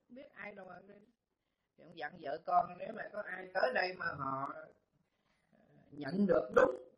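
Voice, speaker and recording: A Buddhist monk telling folksy parables in a dharma talk, repeating words and pausing on fillers, in a dull, roomy recording. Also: male voice, a little high. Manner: folksy, repetitive, hesitant with fillers.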